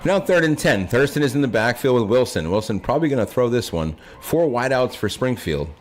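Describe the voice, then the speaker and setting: A man giving conversational live play-by-play of a high school football game, as its announcer. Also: big pitch swings, a little fast. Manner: conversational, corrects himself aloud. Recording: noisy live outdoor field broadcast.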